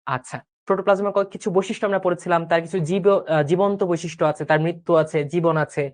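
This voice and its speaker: Male tutor, 20s, brisk quiz-style recap with frequent check-ins and English asides. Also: sits high, fairly even intonation. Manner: brisk quizzing, checking in often with rhetorical questions; mixes English words into his speech. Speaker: biology tutor. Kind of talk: online recap lesson.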